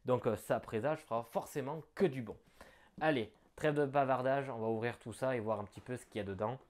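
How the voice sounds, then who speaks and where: A man chats through an unboxing, thinking aloud as he goes. His pitch sits right in the middle of a man's range. He talks casually and breaks into bursts of excitement. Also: a little fast. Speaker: board game unboxing vlogger.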